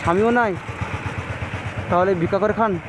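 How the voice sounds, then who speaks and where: A man with a West Bengal accent, asking gentle, coaxing questions as a vlogger helping the poor. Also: high-pitched, normal speed. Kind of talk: street vlog interview. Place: outdoors on a busy street. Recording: muffled audio with street noise.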